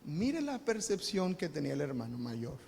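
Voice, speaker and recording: A man's voice: fairly high pitch, huge pitch swings, normal speed, gravelly, a little mellow, slight background noise. A man with a Mexican Spanish accent preaching a live sermon, talking conversationally and tagging his points with rhetorical questions. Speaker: pastor. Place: church hall. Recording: long church reverb.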